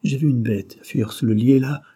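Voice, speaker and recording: A man reading aloud and voicing a frightened young servant woman who pleads and defends herself. He lifts his husky voice a little higher for her, and her lines come out pleading and defensive. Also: moderate pace, warm tone, natural voice. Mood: fearful. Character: frightened young maid from the mountains.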